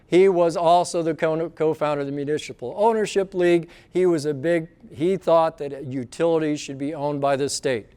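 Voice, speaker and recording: A man's voice: fairly high pitch, darkish tone, smooth. A man giving a live local history talk with slides, conversational and asking the audience questions.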